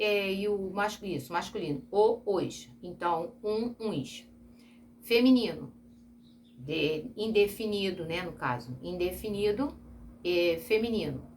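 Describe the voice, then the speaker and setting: Brazilian woman teacher, mid-pitched, patient, repeats examples for kids, faint noise behind. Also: fairly bright tone. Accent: Brazilian Portuguese. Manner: patient, repeats and spells out examples with frequent check-ins. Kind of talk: recorded Portuguese grammar review lesson.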